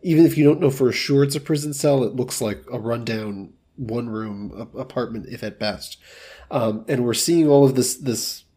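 A man's voice: mid-range voice, mellow, husky. A man co-hosting a film podcast, describing scenes and characters in casual talk with wry asides. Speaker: podcast co-host.

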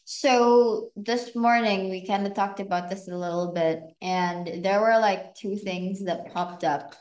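A woman hosting a podcast in casual chat, thinking aloud with relaxed fillers. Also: medium pitch, unhurried. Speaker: podcast host. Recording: echoey room.

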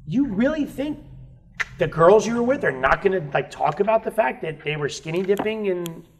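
There's slight background noise as a man with a high, lively voice tells podcast stories at a moderate pace. He is a guest musician speaking candidly about his past in casual conversation, cursing freely and voicing the people he quotes.

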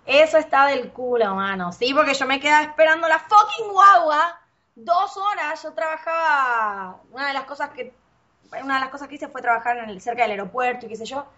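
A woman from Argentina chats in an Argentine Spanish accent mixed with Puerto Rican slang, swearing often and acting out her stories. Her voice sits a bit high and sounds bright and sharp. The recording is dull and lo-fi. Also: brisk. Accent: Argentine Spanish with Puerto Rican words. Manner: swears freely, animated storytelling with put-on voices. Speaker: guest. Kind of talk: casual chat.

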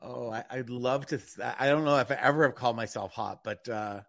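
A man's voice: medium pitch, a little fast, gravelly, fairly bright tone. A man hosting a radio show in casual chat, talking in a hesitant, wry and self-deprecating way.

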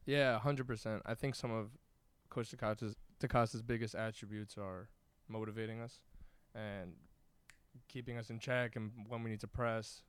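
Young american guy, college athlete, smooth clear voice, chatting in interview in a locker room, not echoey. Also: fairly low pitch, steady tone, normal speed. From New York. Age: young adult. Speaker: college soccer goalkeeper being interviewed. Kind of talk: casual interview answers. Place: indoors in a team locker room.

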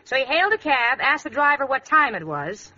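A woman's voice: high-pitched, big pitch swings, brisk, bright, forceful tone, heavily acted. An actress playing a sensible young woman with a dry, wry way of telling a story, in a 1940s radio comedy. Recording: hissy lo-fi old radio broadcast.

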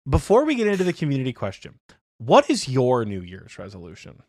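A man's voice: mid-range voice, wildly swooping pitch, brisk, a little mellow, no room sound, studio quality. A young adult man co-hosting a podcast with slangy, playful banter in casual chat. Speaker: podcast co-host.

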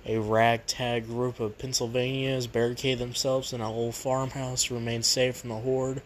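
A man's voice: mid-range voice, level tone, normal speed. A man hosting a casual, unscripted movie review, rambling and repeating himself, recorded on a poor makeshift microphone. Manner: rambling, repetitive. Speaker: movie review show host. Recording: cheap makeshift mic, noisy background.

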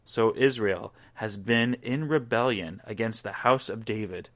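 A man reading a scripture passage aloud in a measured, deliberate way. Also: on the low side, a bit bright. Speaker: scripture reader.

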